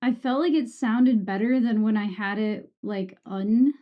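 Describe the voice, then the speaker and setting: A woman's voice: on the high side, a little slow. A woman chatting casually on a livestream in a sweary, self-deprecating way, with harsh, sibilant S sounds. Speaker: streamer. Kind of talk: casual livestream chat with viewers. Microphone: streaming microphone with EQ and compressor. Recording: muffled, dull microphone sound.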